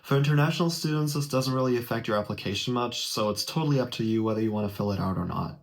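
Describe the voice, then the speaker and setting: A young German man, a native speaker, explains a college application in a casual, friendly how-to vlog, addressing viewers directly. He talks quickly in a mid-range voice with vocal fry, close to a webcam in a small room.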